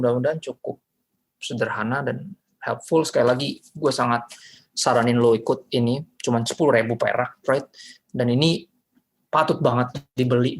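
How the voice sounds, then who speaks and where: A man preaching a casual youth sermon in an animated, joking, slangy way. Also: medium pitch, creaky, slightly rough. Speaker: pastor.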